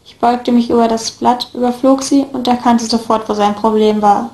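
A woman narrating a first-person story in a steady, even reading voice. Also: on the high side, moderate pace. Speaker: audiobook reader. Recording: echoey room.

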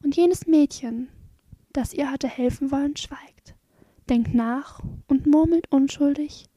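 A woman reading dark short stories aloud in a slow, dramatic manner, often sinking to a whisper. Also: sits high, dry recording.

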